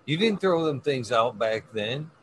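A man rambles casually in a medium-pitched voice. His talk is coarse and slangy, full of swearing. A faint layer of noise sits behind him. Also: expressive, a little slow.

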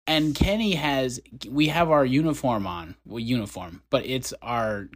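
A man's voice: mid-range voice, unhurried. A young man casually telling a long story on a podcast, acting out the voices of the people in it. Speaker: podcast co-host.

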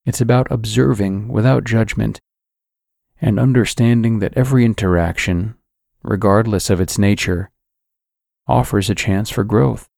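A man narrating a scripted guided sleep meditation in a calm, soothing, measured sleep-story manner. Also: fairly low pitch, creaky, no echo, studio quality.

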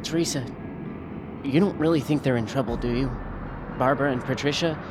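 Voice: medium pitch, fairly quick, noisy background, close to an everyday voice. An actor playing a cheeky, whiny teenage younger brother with a sardonic manner in an audio drama. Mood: teasing, uneasy.

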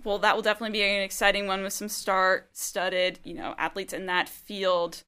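A woman's voice: medium pitch, flat delivery, moderate pace, sharp tone, clean tone. A woman hosting a running podcast, moving between segments and asking her co-hosts questions, with frequent "you know.". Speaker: podcast host. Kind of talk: casual sports podcast hosting.

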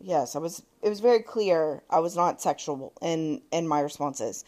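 A woman's voice: low-pitched, moderate pace. A woman in her thirties, co-hosting a podcast, telling a story in casual chat with lots of swearing and quoted texts. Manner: animated, swearing, quoting texts. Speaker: podcast co-host.

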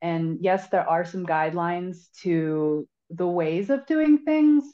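A woman's voice: on the low side, takes it slowly, highs cut off. A woman herbalist guest on a podcast, giving earnest advice and often repeating words as she thinks. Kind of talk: casual podcast interview.

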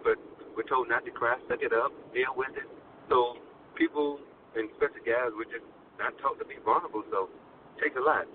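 Animated man on a noisy phone. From Alabama, southern US. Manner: animated, rambling, colloquial storytelling. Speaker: talk show guest. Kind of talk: casual radio-style conversation. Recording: phone-like, distant, loud rumbling noise.

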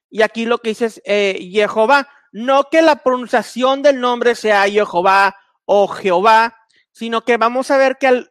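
A man's voice: extremely high pitch, a bit bright, clean tone, dry recording. A man explaining slides as a Bible teacher, methodical, with frequent fillers and restarts. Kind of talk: explaining slides in a recorded lesson.

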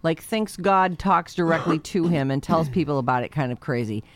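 A woman's voice: low voice, lively intonation, normal speed, dry recording. A woman reading a letter aloud in casual chat, adding sarcastic asides. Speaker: host reading a listener letter.

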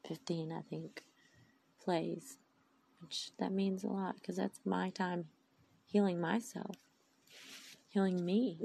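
Tired, gravelly-voiced woman preaching encouragement. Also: fairly low pitch, warm tone, slight background noise. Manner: heartfelt, emphatic, rambling. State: tired, tearful. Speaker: faith vlogger. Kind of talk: inspirational monologue.

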